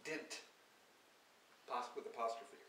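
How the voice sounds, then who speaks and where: A man gives a live poetry reading, delivering his lines in a measured, unhurried way. Between pieces he explains his work with halting, hesitant asides. He is picked up from a distance in a reverberant room, with a faint hiss under the sound. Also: mid-range voice, a bit bright. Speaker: poet. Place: small hall at a live reading.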